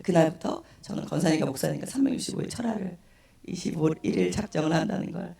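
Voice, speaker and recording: Speaking quickly in a low, creaky, dark voice that sounds strained and unclear, a woman guest speaker gives her testimony in a church sanctuary, voicing the characters in her story. The room echoes and the mic is distant.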